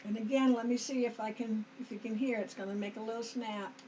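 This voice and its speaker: Woman, sewing tutorial host, slightly high voice, homey and chatty, a bit dry-throated, dull home recording with faint noise. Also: steady tone, fairly quick, dark tone. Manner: homey, talks to viewers as "us", frequent okays and restarts. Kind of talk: chatty step-by-step sewing demonstration.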